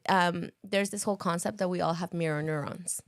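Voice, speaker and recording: A woman's voice: fairly low pitch, a little fast, dry recording, studio quality. A young woman from Ecuador co-hosting a podcast, chatting casually and telling stories with lots of laughter. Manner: animated, laughs often, storytelling. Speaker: podcast co-host.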